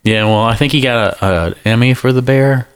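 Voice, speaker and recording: A man's voice: medium pitch, moderate pace, clear, resonant tone. A man co-hosting a casual movie podcast, giving opinions and explaining at length. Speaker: podcast co-host. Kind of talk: casual movie review chat.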